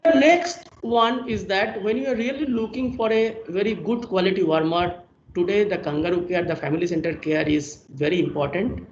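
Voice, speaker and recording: A man's voice: high voice, moderate pace, few pauses, echoey room. Guy presenting on a video call, screen recording, dull call audio, faint hiss under it. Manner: explains step by step, sums up each point. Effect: heard through a screen-recorded video call. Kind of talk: technical webinar presentation. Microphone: computer mic on a video call.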